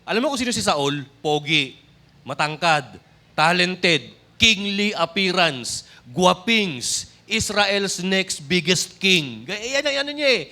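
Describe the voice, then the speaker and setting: A man with a Filipino accent preaches with animated energy, mixing Tagalog and English as he speaks straight to the congregation. His voice sits high for a man and has a bright, forceful edge. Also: measured pace. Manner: often addresses the congregation directly. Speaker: pastor. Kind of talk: sermon.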